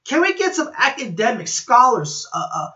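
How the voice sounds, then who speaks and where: A man from Latin America giving heated, indignant reaction commentary that rises to loud outbursts. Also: extremely high pitch, very animated, moderate pace. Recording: dull lo-fi audio.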